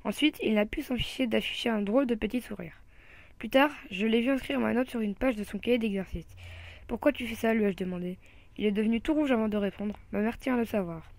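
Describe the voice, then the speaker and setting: Woman reading a funny kids' book aloud, slightly high voice, dry close sound. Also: fast, no room sound. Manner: lively first-person storytelling. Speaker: storyteller. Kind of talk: reading a children's novel aloud.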